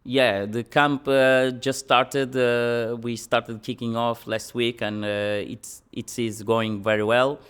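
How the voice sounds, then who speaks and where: A young man, a professional boxer answering interview questions in halting English full of pauses and fillers. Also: mid-range voice, little pitch movement, fairly bright tone, clean tone. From Portugal.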